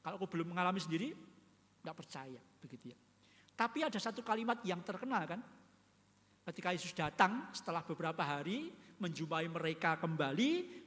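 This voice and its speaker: A man's voice: sits high, big pitch swings, a little fast, fairly bright tone. A man pastor preaching a sermon in a conversational way, often asking his congregation for agreement. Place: church. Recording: long church reverb.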